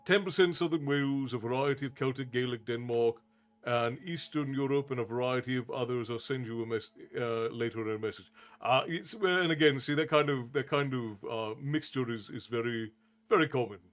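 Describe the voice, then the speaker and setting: A man's voice: mid-range voice, fairly quick. An American-born man hosting a storytelling live stream, casually chatting to viewers and explaining history at length. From United States.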